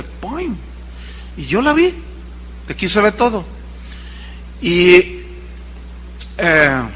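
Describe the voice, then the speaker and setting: Bright high-voiced male preacher. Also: big-room sound. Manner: storytelling preacher, shifting between quick and slow, emphatic pauses. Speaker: pastor. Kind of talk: sermon. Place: church sanctuary.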